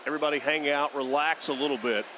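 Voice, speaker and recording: A man calling a football game as play-by-play announcer, brisk and rising sharply on big plays. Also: on the high side, steady tone, noisy background. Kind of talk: live sports commentary.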